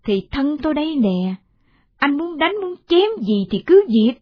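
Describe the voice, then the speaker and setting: A woman's voice: on the high side, animated, moderate pace, lo-fi sound. A woman voicing a resentful young village wife who snaps curtly at her family, in a storybook reading. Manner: curt, snapping.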